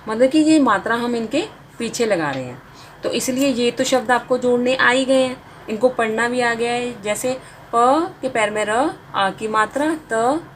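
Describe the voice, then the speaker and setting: A woman's voice: a little high, animated, unhurried, a little hiss or hum, rough recording. A woman teaching a beginner spelling lesson, sounding out letters and marks one by one and drawing out each finished word.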